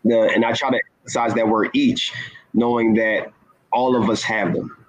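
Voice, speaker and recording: A man speaking as a guest in an inspirational talk, earnest and measured, stressing key words. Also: lowish voice, level tone, lo-fi sound. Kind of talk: inspirational talk-show conversation.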